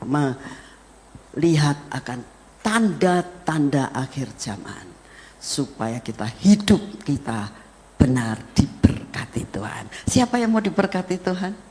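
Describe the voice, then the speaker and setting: Lively woman pastor in echoing church. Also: sits low, takes it slowly. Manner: lively storytelling, acts out family dialogue, addresses congregation as saudara. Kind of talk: sermon with personal story. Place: church hall. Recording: reverberant church hall, faint room noise.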